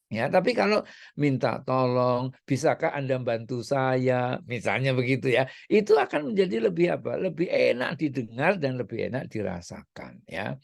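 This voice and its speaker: Gravelly man coaching on parenting. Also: medium pitch, darkish tone. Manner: chatty, many fillers and tag questions. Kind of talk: casual talk.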